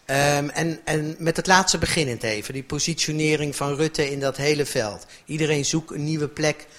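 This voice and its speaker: A man moderating a political panel debate, pausing often with filler sounds as he frames his questions. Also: a little high, fairly even intonation, a bit bright. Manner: hesitant, many filler sounds.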